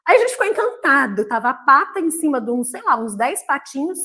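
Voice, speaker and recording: A middle-aged Brazilian woman talking about faith and her children's temperaments, telling animated family stories and acting out her kids' voices. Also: sits high, fairly quick. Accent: Brazilian Portuguese. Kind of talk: casual spoken talk, livestream.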